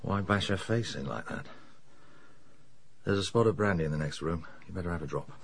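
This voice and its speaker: An actor playing a middle-aged English police inspector, dry, sardonic and matter-of-fact in a radio drama. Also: male voice, low voice, fairly quick, gravelly, a little hiss or hum. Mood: grimly matter-of-fact.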